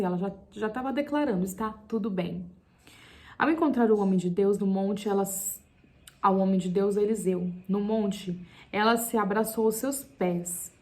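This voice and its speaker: A young woman with a medium-pitched voice leads an informal Bible study for her viewers. She reads the passage aloud, then breaks off to comment with chatty, emphatic asides and laughs at herself. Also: a little mellow. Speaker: Bible teacher on video. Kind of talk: casual Bible study talk to camera.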